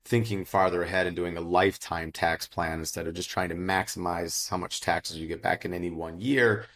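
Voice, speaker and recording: A middle-aged American man, a financial advisor, giving steady, explanatory answers in a casual interview. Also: low voice, fairly quick. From United States.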